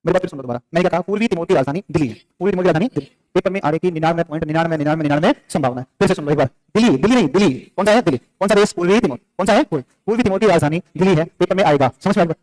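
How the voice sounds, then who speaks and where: A man's voice: fairly high pitch, rapid-fire, hardly any pauses, a little mellow. A male teacher giving a classroom lecture, firing off questions and answering them himself, scolding and joking with the students in between. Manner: drills facts with repeated questions and answers.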